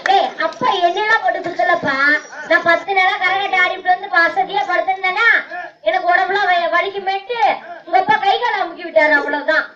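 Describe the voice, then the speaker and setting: A woman's voice: extremely high pitch, highs cut off. A woman playing a village mother who scolds and coaxes her crying son in a stage comedy skit. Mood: coaxing. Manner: scolding and coaxing, rapid questions. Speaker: karakattam dancer and stage comedian. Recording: distant, echoey loudspeaker sound with a crowd.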